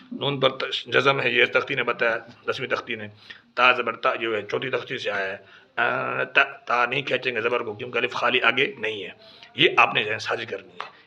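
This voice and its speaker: Man, Quran teacher, instructional talk, patient drilling of syllables, raspy fry, dull lo-fi sound. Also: medium pitch, pushed and bright. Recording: dull lo-fi recording.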